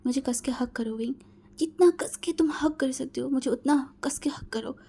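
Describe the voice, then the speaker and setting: A woman's voice: high voice, fairly even intonation, racing, gravelly, mellow, heavily acted. A woman voicing a distraught young man who stammers and repeats words while pleading. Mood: soft whisper.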